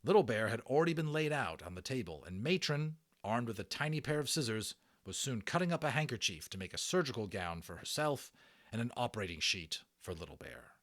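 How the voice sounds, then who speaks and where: A man voices a children's audiobook as an amateur performer, moving a little fast at a medium pitch. The telling is vivid and theatrical, like a proper story being spun.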